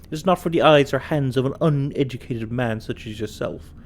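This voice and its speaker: A man reading out a letter in a put-on posh British accent, playing a haughty, condescending gentleman. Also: mid-range voice, brisk, slight background noise, lightly acted. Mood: haughty, scornful.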